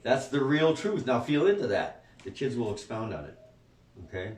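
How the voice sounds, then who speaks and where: A man leading a spiritual gathering, rambling and profane, laughing often and swinging between soft and loud. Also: medium pitch, very animated, normal speed, a little hiss or hum. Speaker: spiritual group leader. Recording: echoey room, far from the mic.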